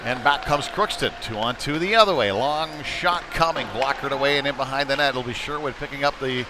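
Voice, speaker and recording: A man with a mid-range, brisk voice calls a hockey game live for a local stream, tracking the play in clipped, running phrases. He's at an indoor ice rink mid-game, and the noisy broadcast is full of loud arena sound.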